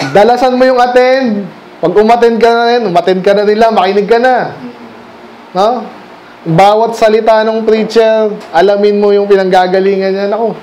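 A man's voice: high-pitched, darkish tone, slight background noise. A man from the Philippines preaching a sermon in a conversational style, firing rhetorical questions at the congregation and switching between Tagalog and English. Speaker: pastor. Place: church during a Sunday night service.

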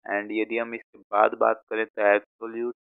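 Indian male tutor, low flat delivery, tinny dry phone-like sound, patient and repetitive. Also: takes it slowly, gravelly, clear, resonant tone, no echo. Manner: patient, repeats words, frequent check-ins. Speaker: vocabulary teacher. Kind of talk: explaining word meanings, mixing Hindi and English.

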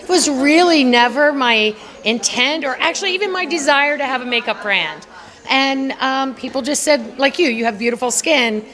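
A middle-aged woman, a beauty entrepreneur being honored with an award, gives a red carpet interview at the press wall of an indoor gala, speaking into a handheld mic the interviewer holds. Her voice sits high and is a little bright, expressive, and at a normal speed. She talks earnestly and chattily, often breaking into little laughs.

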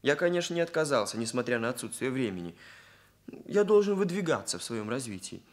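With medium pitch, big swings in intonation, and a brisk pace, a young man acts lightly in a Soviet radio drama. He portrays an aggrieved, earnest hairdresser whose speech is stilted and bureaucratic.

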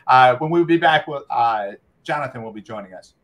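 A man hosting a conversation show, relaxed and affirming, with many "uh" fillers as he sets up questions. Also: mid-range voice, fairly quick. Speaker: podcast host. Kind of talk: casual interview hosting.

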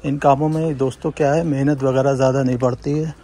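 A young man from India leads viewers through a big indoor supermarket in a walking tour vlog, chatting on a handheld phone and repeatedly using the word "friends." He talks at a quick pace in a level, mellow mid-range voice, with slight background noise.

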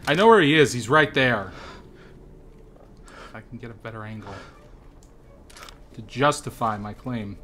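A man hosting a horror game playthrough, grumbling, swearing often and sometimes shouting when startled. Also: medium pitch, measured pace, long pauses. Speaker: host. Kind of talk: profane gaming commentary.

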